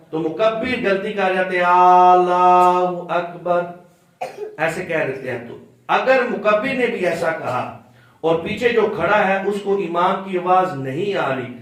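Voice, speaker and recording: A man's voice: high-pitched, animated, a bit bright. A male religious teacher giving a classroom lesson on prayer. He explains patiently, quizzes his students, and stretches words out when he demonstrates how to say them. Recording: very echoey room, distant mic.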